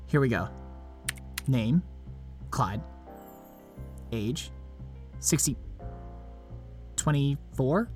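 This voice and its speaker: A man's voice: medium pitch, a little mellow, lightly acted. A man playing an awkward, lovelorn young vampire who narrates in a self-deprecating, confiding way. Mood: reluctant, musing. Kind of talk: scripted first-person narration and dialogue.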